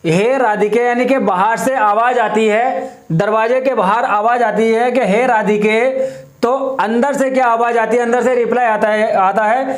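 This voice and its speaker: A man teaching a Hindi grammar lesson for exam prep, explaining slowly, repeating examples and asking rhetorical questions. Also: very high voice, fairly even intonation, roomy sound.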